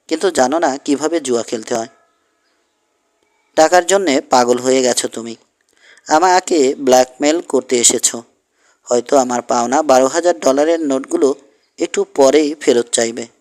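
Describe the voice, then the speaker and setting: A calm outlaw boss in a storybook western, cool and mocking, as a male reader gives him voice, his threats delivered without raising his tone. The voice sits at an ordinary middle pitch. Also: moderate pace, long pauses, close to an everyday voice. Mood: scornful.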